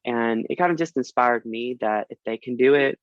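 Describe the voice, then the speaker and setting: A dental student in his twenties from Alabama guests on a casual interview, speaking at mid pitch in a relaxed, halting way full of fillers and restarts. The recording is dry and a bit dull, with no room sound.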